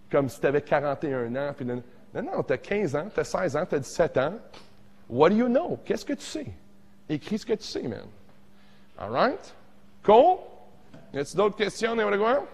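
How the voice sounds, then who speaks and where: A man in his forties with a Québécois accent, teaching a casual songwriting workshop, joking and animated, tossing in English words. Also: on the high side, big-room sound. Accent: Québécois French. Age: 40s.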